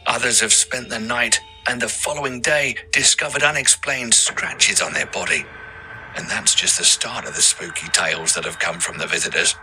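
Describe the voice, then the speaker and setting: Bright, theatrical man narrating a spooky ghost tour. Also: lowish voice, moderate pace, faint music behind, poor audio. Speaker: audio walking tour guide.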